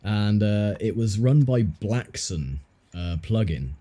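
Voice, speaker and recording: A man's voice: lowish voice, animated, takes it slowly, mellow. A man streaming, telling rambling stories in casual chat with a friend. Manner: rambling, self-interrupting storyteller.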